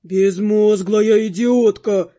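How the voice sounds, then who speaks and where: A woman's voice: mid-range voice, fairly even intonation, takes it slowly, mellow, pitched below the performer's own voice. A woman doing a grumpy scaly ghost creature. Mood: scornful. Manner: growling, hissing insults, then stiffly polite. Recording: dull lo-fi with faint music.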